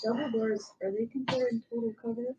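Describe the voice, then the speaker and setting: A woman's voice: fairly high pitch, fairly even intonation, fairly quick, warm tone, breathy edge, highs cut off. A woman player in a tabletop game, chatting casually and thinking aloud about her moves. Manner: easygoing, thinks aloud while planning moves.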